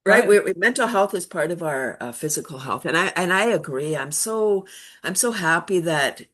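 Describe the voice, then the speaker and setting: A woman's voice: lowish voice, lively intonation, moderate pace. A woman from Canada, a laughter yoga guest, chatting casually in an interview and telling stories that she acts out with quoted voices and frequent laughs. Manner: warm storytelling, laughs often, acts out quotes.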